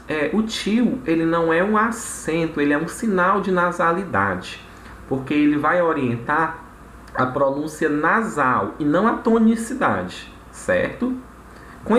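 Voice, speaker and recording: A man's voice: a little high, fairly bright tone. A man teaching a recorded grammar lesson, explaining step by step and checking in with frequent tag questions. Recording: echoey room with faint noise.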